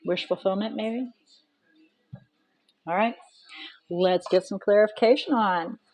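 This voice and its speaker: A woman's voice: mid-range voice, unhurried, darkish tone, rough recording. A woman reading tarot cards aloud in a casual, chatty way, thinking aloud with many ums and restarts. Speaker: tarot reader.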